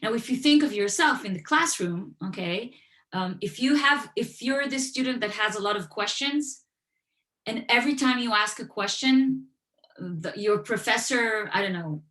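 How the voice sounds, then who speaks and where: A woman who grew up in Western Europe appears as an author and guest at an online event, telling stories and explaining ideas through everyday examples in a conversational talk. Her voice is fairly high and fairly bright, at a normal speed. She's heard over a video call from an echoey room.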